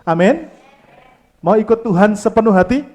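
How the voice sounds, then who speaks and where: A man's voice: expressive, normal speed. A man, preaching a sermon as pastor, calling out to the congregation and leading them in reading aloud. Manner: swings from loud exclamations to soft low asides.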